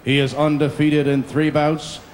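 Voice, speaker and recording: Slow, deliberate male arena announcer. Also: a little high, level tone. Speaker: ring announcer. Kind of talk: formal bilingual arena announcer introductions. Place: boxing ring in an indoor arena.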